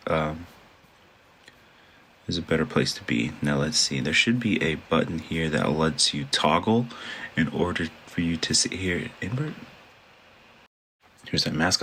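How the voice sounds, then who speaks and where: A man with a bass voice and fairly bright tone sounds stuffed up from allergies as he explains a photo edit step by step. It's a casual screen-recorded tutorial where he thinks aloud and keeps things chatty, with slight background noise.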